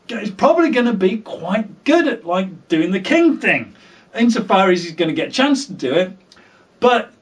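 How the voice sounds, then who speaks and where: Animated man rambling through predictions. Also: high voice, recorded from a distance. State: tired, short on sleep. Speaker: fan video host.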